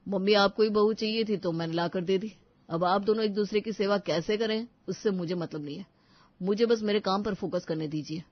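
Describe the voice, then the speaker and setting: A woman voicing an indifferent young adult son who speaks in a flat, weary, curt way, on a dull, dry recording. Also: medium pitch, fairly quick, dry recording, voice pushed down, natural voice.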